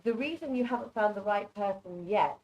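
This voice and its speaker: An animated woman with a mid-range voice speaks fairly quickly while giving informal live psychic card readings as a guest presenter on a video call, in a chatty, direct and reassuring manner. Born in England and raised largely in Norway, she has a Norwegian-influenced English accent; the soft, muffled online mic picks up slight background noise.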